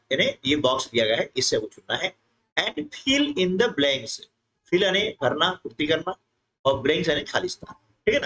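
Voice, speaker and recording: Male tutor, lively pitch, slow English readings then quick explanations. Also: rough recording. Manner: repeats filler tag questions to students. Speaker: teacher. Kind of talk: explaining an English textbook lesson in Hindi.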